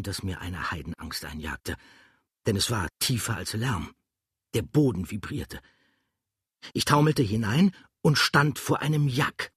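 A man's voice: medium pitch, husky, no room sound, studio quality. A man narrating an audiobook with a dramatic, vivid reading style. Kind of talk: scripted narration.

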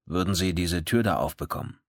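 A man's voice: deep voice, brisk, no echo, clean studio sound. A man reading a blunt, insistent police inspector. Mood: firm. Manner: persistent, curt.

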